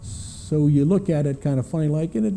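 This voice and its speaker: Hesitant American man, dark muffled voice. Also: fairly high pitch, vocal fry, soft background music. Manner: hesitant, halting, with frequent uhs and pauses. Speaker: witness, former government aviation official. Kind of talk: personal testimony, unscripted recollection.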